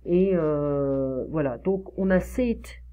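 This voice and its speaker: A French woman tutoring French one-on-one, explaining slowly with many fillers and modelling pronunciation. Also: deep voice, lively intonation, mellow, lo-fi sound. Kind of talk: one-on-one online French lesson.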